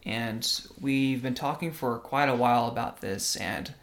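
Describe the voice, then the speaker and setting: This young Russian-born man co-hosts a casual religious podcast, speaking in a mid-range voice at a measured pace. He comes across as earnest and keeps tacking on tag questions like "right?"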